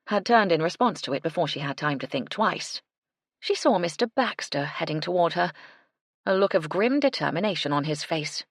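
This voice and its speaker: A woman narrating a cozy mystery audiobook in a measured, expressive reading style. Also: sits low, gravelly, breathy edge, no room sound, studio quality. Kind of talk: scripted narration.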